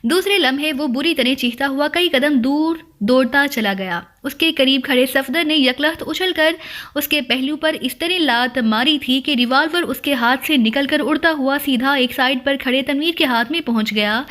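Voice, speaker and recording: High-voiced woman narrating a spy novel. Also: fairly bright tone. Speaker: audiobook narrator.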